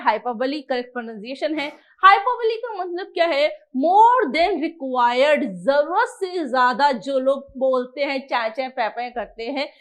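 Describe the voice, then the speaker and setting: A young woman teaching an English exam lesson in a lively coaching style, asking questions and answering them herself. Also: sits high.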